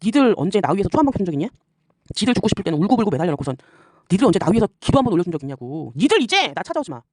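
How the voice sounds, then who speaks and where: A woman scolding and swearing at her rivals in an angry rant, firing off rhetorical questions and tagging lines with a sharp "eh?". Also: lowish voice, big pitch swings, rapid-fire, dry recording, studio quality. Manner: repeatedly tags lines with a sharp "eh?". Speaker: YouTuber addressing rivals.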